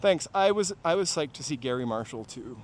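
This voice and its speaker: Strolling outdoors through the city, a New Hampshire livestreamer rambles casually to his audience. He speaks briskly and expressively in a voice on the high side, with street noise and passing cars all around.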